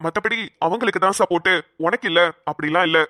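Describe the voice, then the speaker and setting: A woman voicing a young husband in a cartoon, coaxing and calming his upset wife. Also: lowish voice, fast talker, no echo, studio quality. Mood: soothing. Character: young husband, patient and soothing. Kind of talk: Tamil cartoon drama voice acting.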